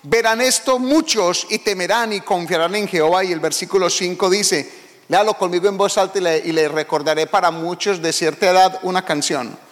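A man preaches a sermon in a high voice. He is emphatic and keeps calling out to his congregation. His voice carries a long, ringing reverb from a church hall. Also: a little fast. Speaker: pastor.

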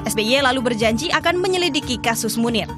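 Woman, Indonesian accent, formal news narration, high voice, prominent background music. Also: expressive, quick pace.

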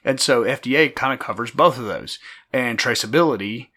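A man in his late forties, hoarse and gravelly today, co-hosting a casual podcast and rambling with many fillers. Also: medium pitch, fairly quick, pushed and bright. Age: 40s. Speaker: podcast co-host.

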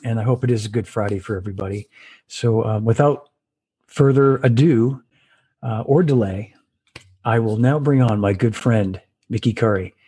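A male host talks over a video call with a somewhat husky, breathy voice. He is friendly and loose, and fills his pauses with ums and uhs. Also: medium pitch, dark tone. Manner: friendly, hesitant with fillers. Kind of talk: casual interview chat.

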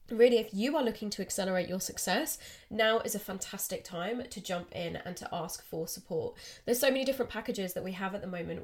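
A woman from the UK hosting her podcast, an upbeat, enthusiastic coach who laughs often, her voice slightly congested from a cold. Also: medium pitch. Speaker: podcast host, confidence coach. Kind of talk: casual podcast monologue.

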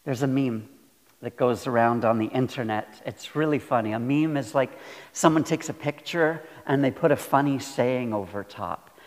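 A pastor with a mid-range voice preaches a sermon earnestly and deliberately, repeating phrases for emphasis. A long hall reverb surrounds the recording.

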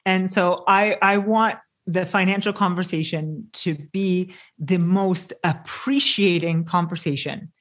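A woman's voice: on the low side, fairly even intonation, measured pace, few pauses. Upbeat laughing woman author guest. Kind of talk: interview.

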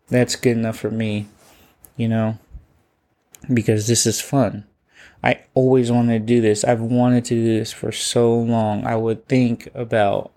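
A young man hosting his own podcast, talking in a relaxed, chatty way and laughing often, into a studio microphone at home. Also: mid-range voice. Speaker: podcast host. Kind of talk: casual solo podcast reflection. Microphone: studio microphone and webcam.

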